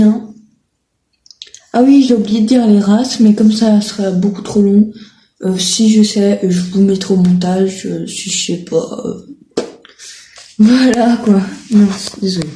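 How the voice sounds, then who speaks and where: A woman talking slowly and casually to her viewers, stopping often to hunt for words and correct herself. Her voice is mellow and soft, and a roomy echo sits around it. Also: medium pitch. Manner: hesitant, full of filler sounds and self-corrections. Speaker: video creator. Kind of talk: casual chat presenting riding-school horses.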